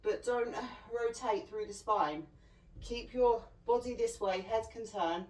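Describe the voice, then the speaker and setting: Slow-paced woman in an echoey room. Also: on the high side, distant mic. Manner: calm, encouraging cues. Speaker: fitness instructor. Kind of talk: follow-along workout instruction. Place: home workout room.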